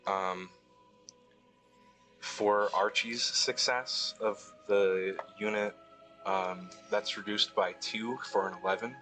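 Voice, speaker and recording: A man narrating as game master of a tabletop game, describing scenes slowly with fillers, music playing behind. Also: fairly low pitch, fairly even intonation, poor audio. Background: background music.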